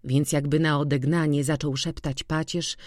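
An audiobook narrator reading a classic literary novel in a measured, even manner. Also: medium pitch, dry recording, studio quality.

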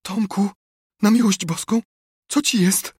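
An anxious older aunt with a sharp, exclaiming manner and a raised voice. A man puts her on while reading the story. The sound is dry and slightly husky. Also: high voice, unhurried, no echo, voice pushed up, heavily acted. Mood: alarmed.

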